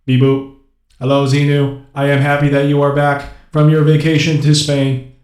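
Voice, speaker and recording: A man voicing a deadpan male robot sidekick in a monotone robot voice with beeps and formal, literal phrasing. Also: on the high side, normal speed, close to an everyday voice. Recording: roomy echo.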